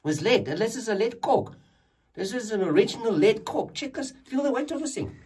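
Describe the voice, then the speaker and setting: A man's voice: high-pitched, lively intonation, a little fast, a little mellow, slightly rough. A man exploring caves, eagerly pointing out finds to a friend. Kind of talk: casual chat. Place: inside rock caves.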